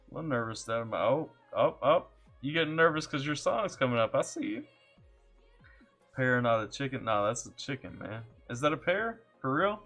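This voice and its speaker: This music reaction streamer from Kentucky speaks with a Southern accent in a lowish, fairly bright voice. Sitting at his home computer setup, he keeps the live-stream chat loose and jokey, reading messages aloud and greeting viewers by name.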